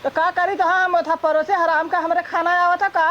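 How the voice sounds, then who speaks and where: A high-voiced woman playing a sharp-tongued village sister-in-law with an Awadhi accent. She is scornful and unyielding in a rural comedy, in slightly dull sound with faint noise. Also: little pitch movement, a little fast. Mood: scornful, refusing. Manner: scornful, scolding. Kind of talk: broad rural comedy skit acting.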